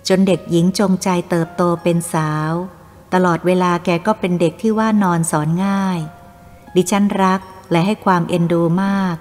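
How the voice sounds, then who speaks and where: A woman reading a first-person story aloud in a slow, tender, emotional way. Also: lowish voice, steady tone, darkish tone. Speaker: narrator. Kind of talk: scripted first-person audiobook narration. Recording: long reverb with faint background music.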